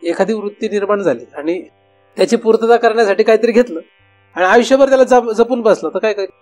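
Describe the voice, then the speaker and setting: High-voiced Marathi man giving a discourse. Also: fast talker, darkish tone, faint music behind. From India. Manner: conversational, asks the listeners rhetorical questions. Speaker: spiritual teacher. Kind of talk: devotional discourse.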